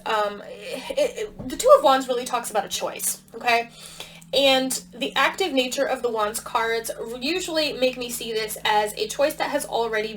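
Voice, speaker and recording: Woman tarot reader, slightly high voice, chatty and musing, cough drop in her mouth, faint hum behind. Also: poor audio. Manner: chatty, thinks aloud with fillers and restarts. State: talking around a cough drop. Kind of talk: casual tarot reading to camera.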